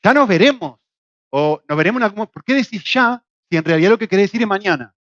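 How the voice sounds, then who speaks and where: A man's voice: high-pitched, rapid-fire, no room sound. Man, Argentine Spanish accent, middle-aged, church class teacher, rhetorical questions, joking, dull lo-fi sound. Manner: lively, asks rhetorical questions, jokes. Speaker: Bible teacher.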